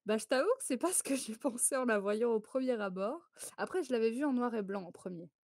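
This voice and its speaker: A woman's voice: on the high side, a little fast, darkish tone, no room sound, clean studio sound. Chatty woman hosting a stream quiz. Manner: chatty, laughs often, greets chat viewers. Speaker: quiz host on a live stream. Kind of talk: casual live-stream quiz chat.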